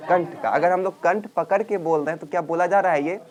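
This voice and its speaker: A man teaching a grammar class, drilling students loudly and scolding them. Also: sits high, quick pace. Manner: loud scolding drill teacher, calls and answers.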